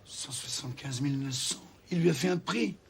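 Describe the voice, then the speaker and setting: A scolding warehouse boss. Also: male voice, fairly low pitch, big pitch swings, brisk, slightly rough, exaggerated voice. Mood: angry. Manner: scolding, interrogating. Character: angry strict male warehouse boss.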